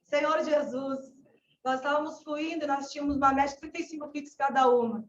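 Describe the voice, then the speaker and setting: A woman's voice: sits high, fairly even intonation, brisk. A woman with a Gaúcho Brazilian accent, a missionary colporteur, giving a fervent, exclamatory religious testimony. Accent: Gaúcho Brazilian Portuguese. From southern Brazil. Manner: fervent, exclamatory, often calling out to the Lord. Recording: echoey, distant, dull-sounding room recording.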